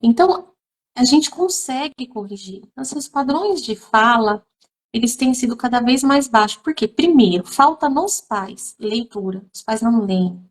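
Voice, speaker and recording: A woman's voice: on the high side, expressive, normal speed. A woman, a literacy teacher who is also a mother, talking emphatically to viewers in a live stream, full of fillers and direct appeals. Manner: emphatic, addresses audience directly, many fillers.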